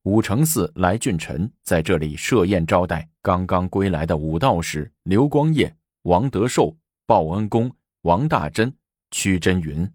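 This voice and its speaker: A man narrating a historical tale with an animated, dramatic delivery. His voice is low, and his pitch swings widely from line to line. The recording is close and dry. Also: a little slow, no room sound. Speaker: storyteller. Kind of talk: storytelling narration.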